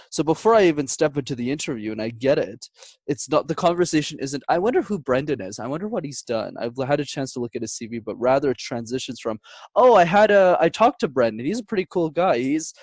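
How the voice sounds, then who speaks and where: A communication coach appearing as an interview guest gives conversational advice in a medium-pitched voice, with no echo. He's articulate and instructive, laying out structured points with examples.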